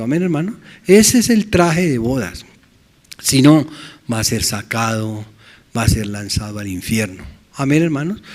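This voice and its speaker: A man's voice: medium pitch, darkish tone. A man with a Bolivian accent preaching a sermon, often questioning the congregation and repeating amen, brothers. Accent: Bolivian Spanish. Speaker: pastor.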